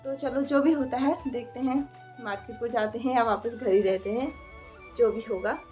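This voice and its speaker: A woman's voice: on the high side, normal speed, a little mellow, highs cut off, soft background music. A young woman with a light lilt, chatting casually through a daily vlog at home and talking to her toddler now and then. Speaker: vlogger and mother. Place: indoors in a rented room.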